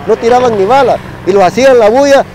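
High-voiced Salvadoran man telling a war story. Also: fast talker, background noise. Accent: Salvadoran Spanish. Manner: tags nearly every phrase with "va", mimics gunshots. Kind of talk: casual spoken storytelling.

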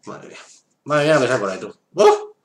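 A man with a Spain accent commenting casually on a game. He mutters slangy, sweary remarks at a middling pitch in an echoey room. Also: expressive, racing, a bit bright. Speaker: gameplay streamer.

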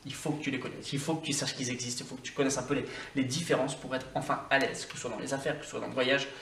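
A man teaching an English lesson in a relaxed, conversational way, addressing the viewer directly. His voice sits at an ordinary middle pitch. He is a little far from the mic in a roomy space, with faint ambience behind him. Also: very fast, vocal fry, a little hiss or hum. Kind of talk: casual video lesson.

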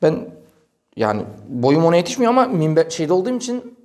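Animated storytelling male preacher. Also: fairly high pitch, brisk. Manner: animated, acts out quoted dialogue. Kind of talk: storytelling in a religious talk.

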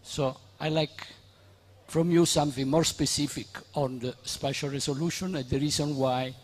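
A man's voice: fairly high pitch, steady tone, moderate pace, slight background noise. A man asking a question from the audience at a conference, speaking as a with some fillers into a handheld mic. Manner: questioning, non-native grammar, fillers. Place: large conference hall. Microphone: handheld microphone.

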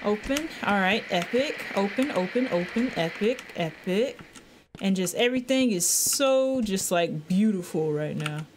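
A scared young streamer offers casual commentary on a horror game, rambling in slang and nervous sarcasm and often saying things twice, from a desk in a small indoor room. Her mid-range voice has lively intonation and an unhurried pace against a noisy background.

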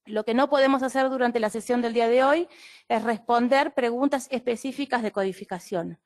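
A woman with an Argentine Spanish accent, a webinar host and clinical associate, presents an online training session. Her voice sits on the high side and moves fairly quickly. She is friendly and explanatory, with occasional fillers.

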